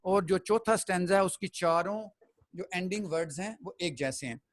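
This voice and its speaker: A man's voice: sits high, normal speed, slight background noise, poor audio. A man teaching a classroom poetry lesson. He explains step by step and keeps checking that the students follow.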